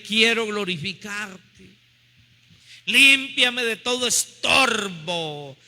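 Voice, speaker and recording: A man preaching a sermon as pastor, leading the congregation in a fervent prayer with slow, drawn-out phrases. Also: very high-pitched, sharp tone. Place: church hall. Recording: long hall reverb.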